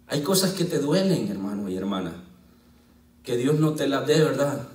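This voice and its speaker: A man preaching a sermon as pastor, moving from loud shouting to hushed, almost whispered pleading. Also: mid-range voice, sing-song, moderate pace. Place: church sanctuary. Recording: echoey church hall from far off.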